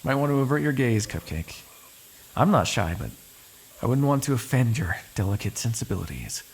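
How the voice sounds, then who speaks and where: In a one-sided, dramatic ASMR roleplay, a man voices an ageless, cynical vampire who is menacing yet grudgingly fond of his captive, drawling and swearing with sardonic, exasperated asides. His gravelly, husky voice is mid-range and very animated at a normal speed, sounding dry and exasperated, with slight background noise.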